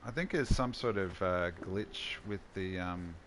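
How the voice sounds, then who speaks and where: A man's voice: low-pitched, unhurried, fairly bright tone, slight background noise. A man hosting casual gameplay commentary, musing and thinking aloud as he plays. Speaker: host.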